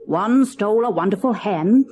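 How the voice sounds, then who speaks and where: A woman's voice: mid-range voice, lively intonation, moderate pace, darkish tone, soft background music, natural voice. A woman putting on a stern scolding ogre's wife. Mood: firm. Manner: firm, scolding. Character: stern ogre's wife, a giantess refusing a stranger. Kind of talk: storybook cassette acting.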